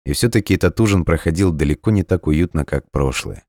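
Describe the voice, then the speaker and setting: Male narrator, very low voice, dry close sound, steady audiobook reading. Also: dry recording. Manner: measured, even storytelling.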